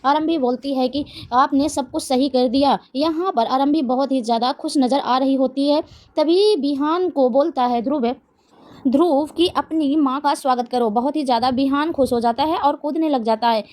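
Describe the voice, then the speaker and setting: A woman narrating a scripted plot recap of a TV serial episode in a steady storytelling manner. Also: sits high, moderate pace. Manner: steady storytelling of scene events.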